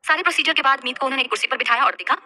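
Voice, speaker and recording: A woman narrating a romance story in a lively, expressive scripted reading. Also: high voice, racing.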